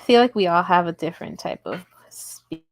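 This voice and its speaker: In a dry recording, a woman with a lowish voice hosts a relaxed crochet livestream from her home table, speaking at a normal pace. She's chatty and full of giggles, talking to the chat while she works.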